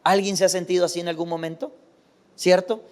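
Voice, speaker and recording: High-voiced pastor preaching in a reverberant hall. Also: male voice, level tone, fairly quick, darkish tone, clean tone. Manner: emphatic preaching with repeated rhetorical questions. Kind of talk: sermon.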